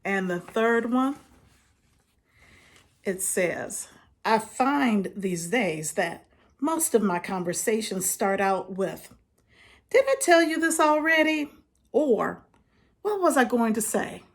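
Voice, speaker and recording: A woman's voice: fairly high pitch, expressive, slow, long pauses. A woman in her fifties chatting casually to her viewers, laughing often as she talks. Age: 50s. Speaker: vlogger. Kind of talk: casual chat to camera.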